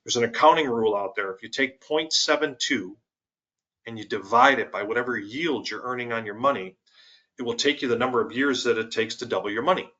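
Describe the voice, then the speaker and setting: A man guesting on a finance webinar, his voice bright and forceful. He talks through worked examples with emphasis. The sound is dull and lo-fi, like a web call. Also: mid-range voice, a little fast. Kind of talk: webinar explanation.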